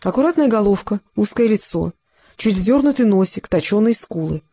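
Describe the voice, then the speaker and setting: A narrator reads a novel aloud at a steady, descriptive pace. The voice sits at a middling pitch, with nothing unusual about its tone. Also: moderate pace. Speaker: audiobook narrator. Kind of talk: scripted narration.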